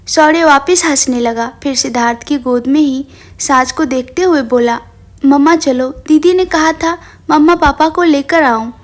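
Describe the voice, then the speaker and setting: A woman narrating an emotional story, reading it expressively as a storyteller. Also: high-pitched.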